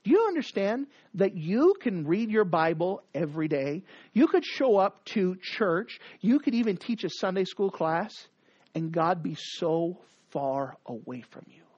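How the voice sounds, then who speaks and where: A preacher delivering a sermon in an emphatic, repetitive cadence that swings from loud declarations to hushed near-whispers. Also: medium pitch, sing-song, a little slow, slightly rough, no echo, muffled recording.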